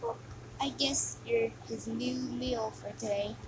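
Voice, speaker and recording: In a noisy amateur home recording, a woman with a slightly high, fairly even voice plays a mocking, sneering demon who taunts the player in video game voice lines. Her delivery is scornful and drawn out with sighs, full of bored, exasperated contempt.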